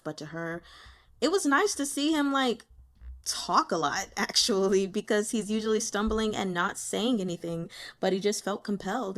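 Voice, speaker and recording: A woman with a medium-pitched voice hosts and reads, keeping her commentary casual, chatty, informal, and expressive.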